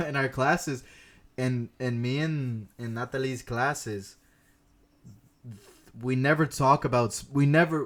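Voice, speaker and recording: A relaxed man chatting on a podcast at an unhurried, slow pace. He drifts between English and Spanish within a sentence and laughs easily as he tells his stories. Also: medium pitch. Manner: laughs often while telling stories. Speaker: podcast co-host, language learner. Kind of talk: casual bilingual chat.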